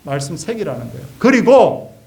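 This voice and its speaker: A male pastor delivering a Sunday sermon in a voice pitched a little high. He preaches with animation, posing rhetorical questions and acting out the speech he quotes. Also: very animated, moderate pace, a little mellow.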